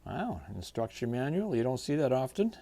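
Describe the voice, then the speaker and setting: A man hosting a guitar channel, chatting in a relaxed, folksy way while unboxing a new guitar. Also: mid-range voice, a little fast, creaky. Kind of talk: casual unboxing vlog.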